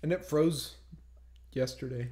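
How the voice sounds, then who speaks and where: A man's voice: medium pitch, measured pace, darkish tone. A young man co-hosting a livestream, joking around casually and reading out chat comments. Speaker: livestream co-host.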